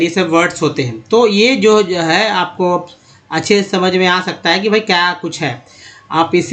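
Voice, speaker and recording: High-voiced man teaching. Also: fairly bright tone. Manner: slow, spelling out letters and repeating words. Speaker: English pronunciation teacher. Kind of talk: screen-based spoken lesson.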